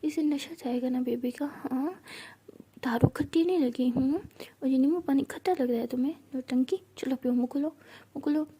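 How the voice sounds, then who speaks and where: A woman's voice: sits high, moderate pace, dark tone, slightly rough. A woman voicing a caring young college woman who fusses over and scolds her girlfriend. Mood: scolding tender. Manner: fussing, scolding, coaxing. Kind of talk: storybook role-play.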